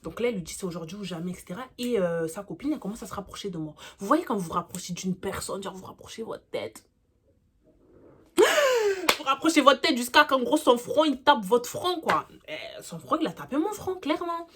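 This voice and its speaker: A woman casually telling a personal story for her vlog, animated and slangy, full of fillers, getting louder and more intense as the tale heats up. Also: medium pitch, fast talker, few pauses, slightly rough. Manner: gets louder and more intense while recounting the fight.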